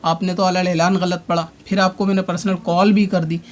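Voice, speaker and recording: A man with a high-pitched, level voice carries on a long rebuttal aimed straight at his opponent, as a religious commentator online, reiterating points at length. Slight background noise is present.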